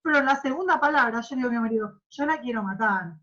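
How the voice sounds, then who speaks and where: Argentine woman teacher with a higher voice, animated; muffled, lo-fi audio. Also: quick pace. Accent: Argentine Spanish. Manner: animated, exaggerates syllables for demonstration. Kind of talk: online class lecture.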